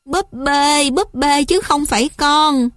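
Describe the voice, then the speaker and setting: A woman's voice: high voice, slow pace, no room sound, clean studio sound. A woman voicing a small frightened child who pleads tearfully in a storybook reading.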